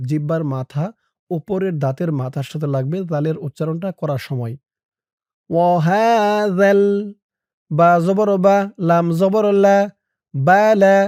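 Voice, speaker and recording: A Quran recitation teacher spells out Arabic letters and vowels, with brisk explanations between slow, drawn-out chanting of the verse. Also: medium pitch, warm tone, no room sound, clean studio sound.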